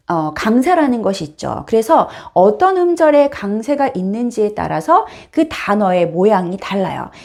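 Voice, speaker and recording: A woman's voice: medium pitch, a little mellow. A woman teaching an online English lesson. She talks straight to her viewers with an emphatic, teacherly manner.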